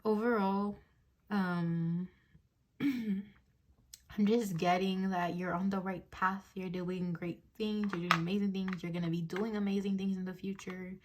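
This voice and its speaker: A woman's voice: medium pitch, steady tone, measured pace, a little hiss or hum. Giggly young woman rambling through a tarot reading. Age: young adult. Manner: rambling, giggly, many fillers. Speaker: tarot reader. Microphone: phone on a desk mount.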